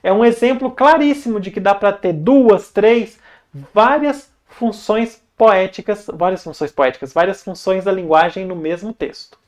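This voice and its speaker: A young woman teaching an online grammar lesson in a Brazilian Portuguese accent, chatty and lively, talking straight to the viewer. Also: medium pitch, measured pace.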